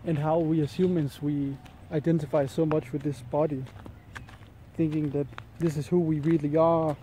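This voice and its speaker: A man's voice: on the high side, flat delivery, normal speed, mellow, low-quality recording. A man who is a bit under the weather, talking casually to camera as he walks outdoors, musing and often searching for words. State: a bit sick with an ear infection. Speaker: vlogger. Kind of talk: casual rambling talk to camera while walking outdoors. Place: outdoors in jungle, light rain. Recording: outdoor ambient noise. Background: faint outdoor ambience.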